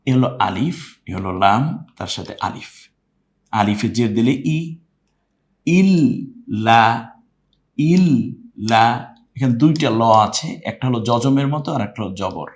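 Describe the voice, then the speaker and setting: A man teaching Quran recitation, patiently spelling out letters and vowel marks one by one, then breaking into long drawn-out melodic chanting of the verse. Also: medium pitch, animated. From Bangladesh. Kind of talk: step-by-step recitation lesson.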